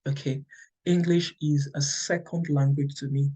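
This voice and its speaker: Talking colleagues through the exams, a middle-aged English teacher from Nigeria whose first language is Yoruba keeps saying "okay" and frequently starts his sentences over. He speaks unhurriedly in a dark, slightly high voice that barely moves in pitch.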